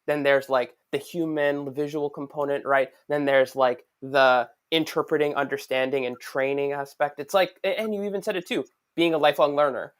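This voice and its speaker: A man's voice: a little high, fairly even intonation, normal speed, hardly any pauses. A man hosting a podcast, asking questions with eager enthusiasm. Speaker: podcast host. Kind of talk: casual podcast interview.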